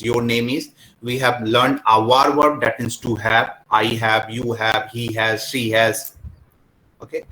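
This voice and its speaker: Indian guy teaching french in a classroom, very slow, bright voice, repeats stuff over and over. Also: medium pitch, low-quality recording. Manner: slow, repetitive drilling, mixing English and Hindi. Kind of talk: classroom lesson.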